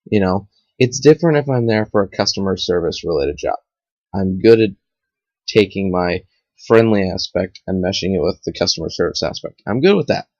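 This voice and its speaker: A young man rambles in a chatty, casual way, full of fillers and restarts, his voice sitting a bit low. The sound is dull and lo-fi, as if from a built-in webcam mic, with a dry, close feel. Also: animated, moderate pace, a little mellow, no room sound. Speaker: vlogger. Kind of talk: casual motivational talk to camera. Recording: dull lo-fi home webcam audio.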